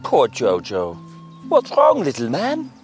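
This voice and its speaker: Silly over-the-top dictator buddy, voice swooping all over, hammy and grand. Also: male voice, wildly swooping pitch, slow pace, a little mellow, soft background music, full character voice. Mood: coaxing. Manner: playful, mock-grand pep talk, swinging pitch. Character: goofy, theatrical imaginary dictator friend, adult man. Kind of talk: film dialogue.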